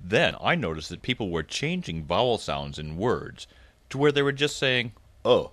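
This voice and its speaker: A man voicing a cheerful man who loves word history, telling it in an animated way. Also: on the low side, normal speed, dry recording. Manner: animated storytelling.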